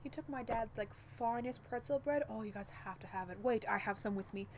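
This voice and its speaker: A woman's voice: fairly high pitch, a little fast, a crowd in the background. A woman playing in a tabletop game, bubbly and eager.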